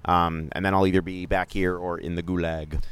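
Brisk and smooth, this middle-aged sports journalist speaks in a low, fairly flat voice while co-hosting a podcast. The chat is casual and joking, and he rambles, regularly restarting his sentences.

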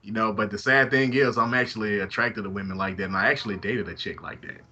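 This Alabama man's lowish voice is steady, fast, bright and forceful, heard through a muffled recording with a little hiss or hum. He co-hosts a laid-back fan podcast, reading listener messages amid crude, teasing back-and-forth.

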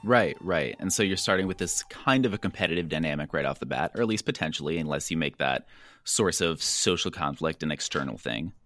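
Male, very low voice, measured and analytical, dry close sound. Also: lively intonation, fairly bright tone, no room sound. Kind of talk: casual chat.

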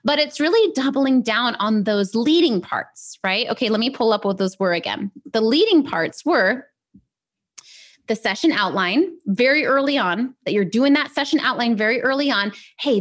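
A woman coach hosting a live teaching talk, chatty and upbeat, leaning on "like" and "right?" and laughing often. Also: high voice. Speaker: business sales coach, show host.

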